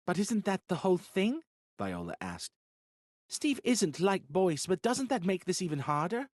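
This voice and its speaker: A man's voice: high voice, moderate pace, no room sound, studio quality, voice pushed up, natural voice. A man voicing a worried young woman in an audiobook, who presses with anxious questions.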